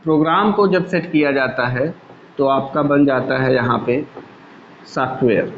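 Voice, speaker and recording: The speaker is a male computer teacher whose mid-range voice moves at a measured pace through a classroom lecture. He explains step by step with everyday examples and questions the class; the sound is dull and lo-fi, echoey, with a faint background hum.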